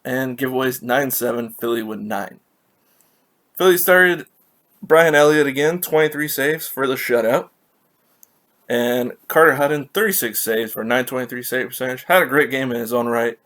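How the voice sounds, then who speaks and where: His mid-range voice is a bit bright and a touch raspy from allergies as a man from California runs through a casual hockey recap alone. He rambles and fixes his own mistakes while going over scores and stats.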